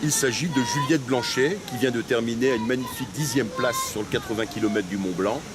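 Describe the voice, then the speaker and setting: A man's voice: mid-range voice, brisk, heavy background noise. A man interviewing a runner after a mountain race, hesitant, with many fillers and tag questions. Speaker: sports interviewer. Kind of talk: outdoor post-race interview.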